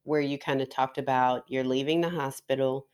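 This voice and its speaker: Low-voiced woman podcast host. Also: steady tone, normal speed, a little mellow, clear, resonant tone. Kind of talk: interview questions and chat.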